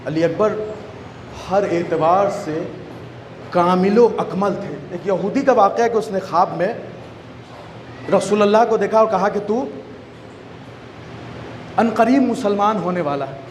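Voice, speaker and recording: A man with an Indian Urdu accent preaching a majlis sermon, shouting repeated refrains in a half-sung rhythm. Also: high-pitched, long pauses. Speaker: majlis orator. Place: mourning gathering hall. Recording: echoey hall with crowd and noise.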